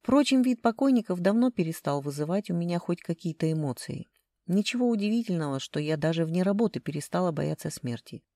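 Woman audiobook narrator, ironic, expressive, dry close sound. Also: on the low side, brisk, no room sound. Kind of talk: first-person novel narration.

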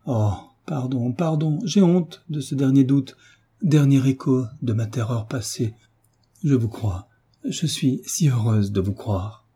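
A man's voice: mid-range voice, takes it slowly, dark tone, husky. A man reading aloud, voicing a young mother who begs desperately in an imploring, supplicating way. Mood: pleading.

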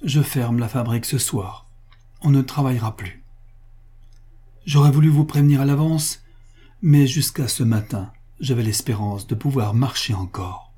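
A man's voice: mid-range voice, moderate pace, dark tone, slightly rough, natural voice. A man reading the part of a proud factory owner facing bankruptcy, speaking with restrained, solemn emotion. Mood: grave.

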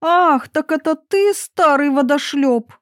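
Woman doing a spoiled young princess, storybook, high bright exclamations, eager, dry close recording. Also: slow pace, dry recording. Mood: pouting.

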